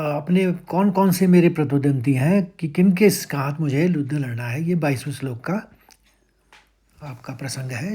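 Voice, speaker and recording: A man teaching how to recite verses, patiently breaking words into syllables and chanting each line slowly and drawn out. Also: a little high, dark tone, breathy edge. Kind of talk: step-by-step chant lesson.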